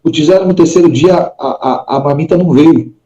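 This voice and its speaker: A man's voice: on the high side, brisk, mellow, reverberant. A man with a Brazilian accent, a podcast guest telling his personal faith testimony and acting out the dialogue in it. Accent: Brazilian Portuguese. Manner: earnest, acts out dialogue in the story. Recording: dull lo-fi sound.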